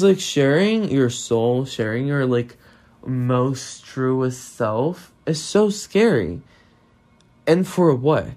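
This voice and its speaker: A man's voice: mid-range voice, mellow. A nineteen-year-old man from Brazil hosting a solo podcast, talking anxiously and rambling, with lots of fillers and swearing, recorded on his phone. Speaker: podcast host.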